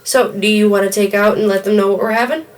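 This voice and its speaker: A woman hosting a casual wrestling podcast, chatty and quick to exclaim. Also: medium pitch, fairly even intonation, recorded from a distance. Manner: chatty, exclaims "Lord" often. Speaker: podcast host.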